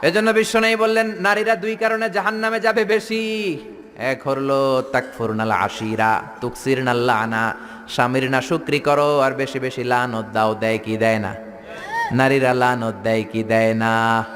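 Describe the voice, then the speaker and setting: A man's voice: mid-range voice, a little slow, in a large hall, a crowd in the background, noisy background. A man from Bangladesh preaching a playful sermon to a large tent gathering, mimicking regional dialects and leading chants. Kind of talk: Islamic sermon to a crowd.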